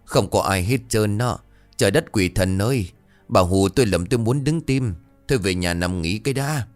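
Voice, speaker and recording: A man's voice: lowish voice, moderate pace, faint music behind, close to an everyday voice. A man doing an anxious old country husband. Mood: worried. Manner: calls out loud, voice trembling. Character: anxious older rural husband.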